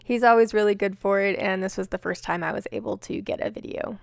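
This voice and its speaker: A woman's voice: medium pitch, fairly even intonation, quick pace, vocal fry, dry recording, studio quality. A woman, chatting casually about her rescue horses in a vlog, filmed outdoors in a paddock with a handheld camera. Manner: chatty, coos softly to the horses. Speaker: horse rescue farm owner.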